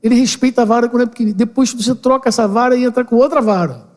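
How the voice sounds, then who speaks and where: An older man, a pastor, giving a lively conversational sermon to a seminar, acting out little dialogues with playful slang. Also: extremely high pitch, very fast. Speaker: pastor leading a parenting seminar. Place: church building hall. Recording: long hall reverb.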